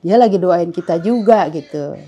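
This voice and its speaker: A woman's voice: on the low side, normal speed, dull audio, a crowd in the background. A middle-aged woman giving a spoken testimony in a casual interview, talking in an earnest, rambling way with many fillers and restarts.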